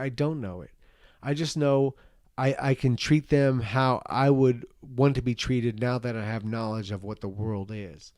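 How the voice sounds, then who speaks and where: Man, drunk, rambling vlog rant, mid-pitched voice, blunt, repetitive, earnest, dry recording. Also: a little mellow, no echo. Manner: earnest, emphatic, repeats himself. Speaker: parent giving personal opinions. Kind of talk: rambling rant to an online audience.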